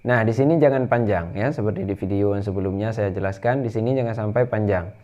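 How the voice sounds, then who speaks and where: A man with an Indonesian accent teaching Quran recitation rules, explaining patiently and then chanting verses in a drawn-out higher voice. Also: darkish tone. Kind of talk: tajwid lesson with chanted recitation.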